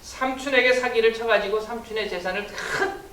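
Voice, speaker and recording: A man preaching a sermon as pastor, telling the story in an animated way and acting out cries and inner thoughts. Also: high-pitched, moderate pace. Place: church sanctuary. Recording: echoey church room, mic from a distance, faint hiss.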